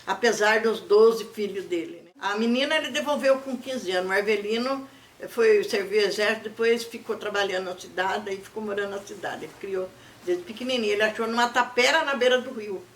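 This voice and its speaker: An older woman with a Brazilian accent, telling family stories in a lively way and acting out the people she quotes. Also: medium pitch, fairly quick, roomy sound, slight background noise. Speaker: interviewee. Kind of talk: oral history storytelling.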